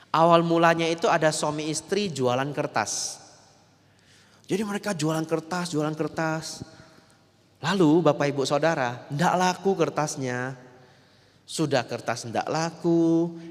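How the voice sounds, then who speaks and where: A man, a Buddhist monk, telling a story in a sermon, speaking straight to his listeners and swinging between loud and soft. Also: mid-range voice. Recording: echoey hall.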